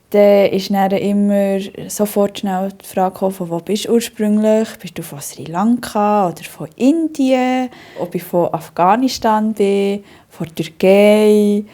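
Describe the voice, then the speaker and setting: Her voice is medium-pitched and mellow as this young woman, speaking with a Bernese Swiss German accent, recounts her life in an interview. She goes on at length, full of fillers and restarts, and frequently laughs heartily.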